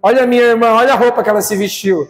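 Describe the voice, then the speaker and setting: A man's voice: extremely high pitch, fairly even intonation, racing, roomy sound, long reverb tail. A man with a Brazilian accent preaching a sermon as pastor, firing rhetorical questions at the congregation. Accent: Brazilian Portuguese.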